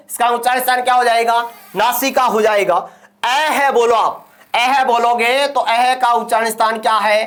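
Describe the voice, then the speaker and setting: A man's voice: extremely high pitch, pushed and bright. A male teacher gives a classroom grammar lecture. He keeps asking his students questions and then answers them himself.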